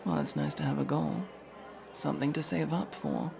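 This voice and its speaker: In this casual ASMR roleplay, the masked elf rogue stays guarded and sardonic, speaking wryly to the listener with hesitant asides. A gravelly mid-range voice holds a steady tone at normal speed, with music underneath.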